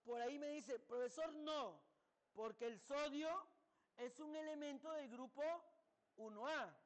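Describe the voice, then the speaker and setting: A man's voice: extremely high pitch, a little slow. A male chemistry teacher lecturing a class, asking students questions and answering them himself.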